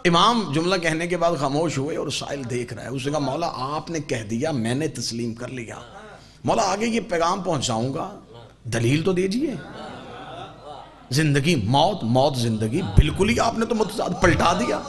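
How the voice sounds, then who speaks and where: A man preaching a sermon to a gathered congregation, telling a story and swinging from soft, low narration to loud, fervent exclaiming. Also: expressive. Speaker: Shia cleric preaching a majlis. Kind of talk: Urdu majlis sermon with storytelling. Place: gathering hall with a live congregation. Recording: crowd audible behind the preacher.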